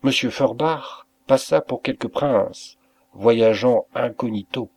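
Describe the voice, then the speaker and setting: A man narrating a literary story as an audiobook reader, with a measured, expressive delivery. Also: mid-range voice, breathy edge. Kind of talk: scripted narration.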